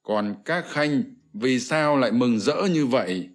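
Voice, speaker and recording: A man's voice: mid-range voice, a little slow, close to an everyday voice. A man voicing a proud, ruthless warlord who speaks in a commanding, scornful way, in an audiobook. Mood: stern.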